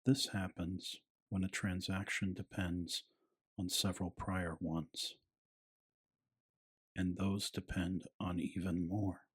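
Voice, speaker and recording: Low, slow, hushed man, breathy ASMR narration. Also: level tone. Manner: hushed, soothing, unhurried. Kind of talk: soft-spoken ASMR bedtime narration of a scripted text.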